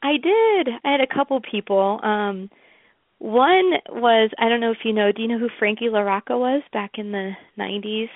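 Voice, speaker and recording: Woman interview guest, gravelly voice, chatty storyteller, dry tinny phone sound. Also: a little high, normal speed, no room sound. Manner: chatty storyteller, many fillers and restarts, laughs often. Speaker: interview guest, music promoter. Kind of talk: casual interview talk.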